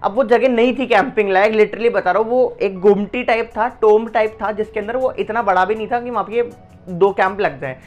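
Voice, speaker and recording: A young man tells a story in a relaxed, conversational vlog style, slangy and full of asides and fillers. Faint music sits quietly behind his voice. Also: high voice, brisk, lo-fi sound. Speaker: vlogger. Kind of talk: casual storytelling.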